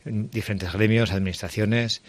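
Deep-voiced man, halting speech. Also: steady tone. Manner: hesitant, frequent restarts and fillers. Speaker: restaurant owner. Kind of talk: radio interview guest. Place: radio studio.

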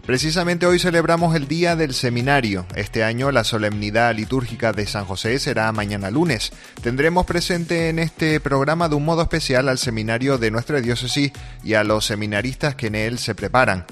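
Canarian guy reading church radio news, measured and formal, faint music under. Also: mid-range voice, a bit bright. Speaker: radio presenter.

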